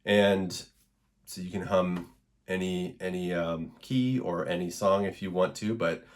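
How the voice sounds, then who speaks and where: A man teaching an introductory vocal percussion lesson in an encouraging, relaxed way, with frequent fillers. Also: low voice, unhurried. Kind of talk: instructional video lesson.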